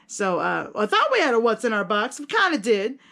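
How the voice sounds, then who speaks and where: A brisk, very animated woman with a high-leaning, creaky voice and a sharp tone chats casually with her viewers. She's a video blogger and content creator, candid and self-deprecating, rambling along in slang with some casual swearing.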